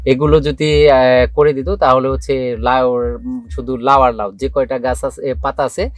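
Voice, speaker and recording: A man's voice: medium pitch, little pitch movement, unhurried, no echo. A man, an experienced grower, outdoors in a field explaining farming methods and advice at length with confidence. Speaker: experienced farmer giving advice. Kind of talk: explanatory interview answers.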